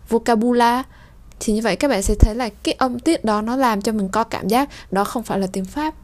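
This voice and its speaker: A woman teaching French pronunciation in a lesson, explaining slowly and drawing out model words for listeners to repeat. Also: a little high, darkish tone. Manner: slow, drawn-out model pronunciation between explanations.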